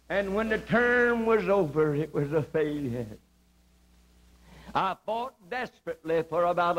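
A male evangelist preaching his testimony with fervent, dramatic swings between hushed passages and ringing shouts. His voice sits notably high, and he lingers over each phrase at an unhurried, deliberate pace. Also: rough recording. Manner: drawn-out emphatic phrasing. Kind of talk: impassioned testimony sermon.

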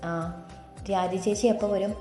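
A woman voicing a tired, grieving middle-aged mother who speaks low and wearily. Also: steady tone, measured pace, warm tone, echoey room, faint music behind, close to an everyday voice. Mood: weary.

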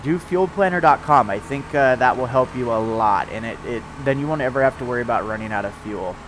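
A man's voice: medium pitch, quick pace, fairly bright tone, slight background noise, low-quality recording. A man hosting a live game stream, talking casually with a stuffed-up morning voice and rambling with fillers and restarts. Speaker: streamer playing a farming game with friends.

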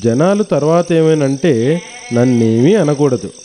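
A crafty thief from a children's storybook cartoon, as a male narrator puts him on. He talks with sneering, mock-polite courtesy, pitched high above the narration. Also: expressive, unhurried, warm tone, slight background noise. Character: sly male thief mocking a priest.

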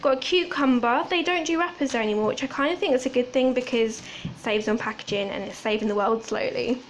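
A young UK woman in her 20s chats casually through a grocery haul, listing items with small asides, recorded on a phone in her home kitchen. She speaks fast in a high-ish voice, with slight background noise.

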